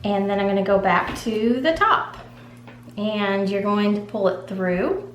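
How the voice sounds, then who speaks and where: A woman casually walking viewers through a craft project step by step, in a relaxed, reassuring way. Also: medium pitch, a little slow. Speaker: craft tutorial host. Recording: echoey room with faint hum.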